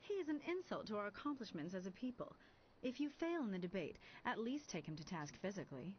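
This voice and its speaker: A woman's voice: mid-range voice, very animated, fast talker, slight background noise, close to an everyday voice. A woman voicing a stern imperial scholar judge who speaks formally and coldly. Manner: formal, cold, dismissive. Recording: dull lo-fi game audio.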